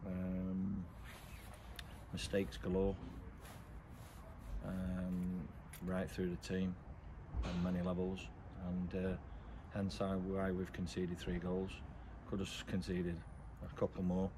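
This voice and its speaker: A middle-aged English man, a football manager, giving a blunt, measured post-match interview outdoors at night, with frequent ums. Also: low voice, completely flat delivery. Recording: outdoor noise behind.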